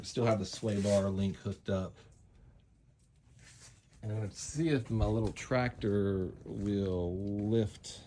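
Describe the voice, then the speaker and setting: Slow, low-voiced man, casual narration. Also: warm tone, a little hiss or hum. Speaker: off-road vehicle vlogger. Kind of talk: casual product testing narration.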